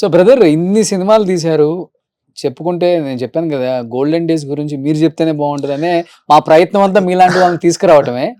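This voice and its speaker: Mellow-voiced male interviewer. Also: on the high side, quick pace, no echo, clean studio sound. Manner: short prompts and frequent backchannel. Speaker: interview host. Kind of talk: interview questioning.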